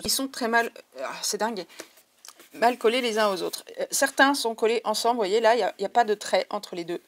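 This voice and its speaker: A woman's voice: a little high, a little hiss or hum. A woman with a French accent, chatting casually to her viewers in a craft haul video, digressing often. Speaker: craft vlogger.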